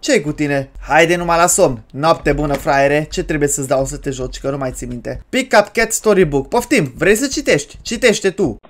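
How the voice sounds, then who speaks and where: A gaming creator, giving crude, joking let's-play commentary on a horror game, with sudden loud yells. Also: mid-range voice, lively intonation, few pauses. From Romania.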